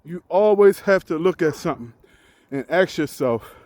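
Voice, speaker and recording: A man's voice: fairly high pitch, lively intonation, moderate pace, darkish tone. A truck driver in his forties, talking candidly and reflectively in a casual vlog while out on a walk, often restarting his sentences as he thinks aloud. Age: 40s.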